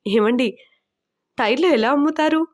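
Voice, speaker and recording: A teasing young woman traveler asks playful questions in a storybook reading, voiced by a woman narrator. She pitches a little higher than the narration and stays light and lively. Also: normal speed, natural voice.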